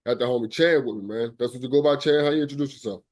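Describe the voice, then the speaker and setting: A man's voice: medium pitch, very fast, a little mellow. A man hosting a podcast interview in a laid-back, slangy way, often answering with "okay, okay". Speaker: podcast host. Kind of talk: casual interview.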